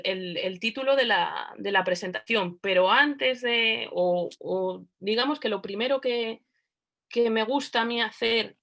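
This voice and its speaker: Una mujer da una conferencia por videollamada y habla sin prisa, pensando en voz alta. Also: female voice, mid-range voice, creaky, sharp tone. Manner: unhurried, thinking aloud. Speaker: guest lecturer. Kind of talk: online lecture. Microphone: video call.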